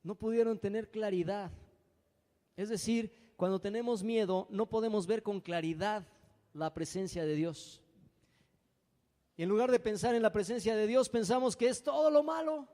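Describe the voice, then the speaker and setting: A man's voice: high-pitched, normal speed, mellow. A man preaching a sermon as pastor, dramatic and acting out frightened voices. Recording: long hall reverb.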